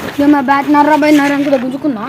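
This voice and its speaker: A teenage boy in a street quarrel, excitable and pleading with his friends to calm down. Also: very high voice, rapid-fire. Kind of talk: heated street argument. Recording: loud traffic noise outdoors.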